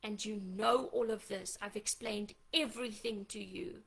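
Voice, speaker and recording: A woman's voice: medium pitch, steady tone, normal speed, creaky, a bit bright, husky. A woman making an impassioned, accusatory appeal as a mother, firing off pleading questions. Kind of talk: impassioned direct-to-camera appeal.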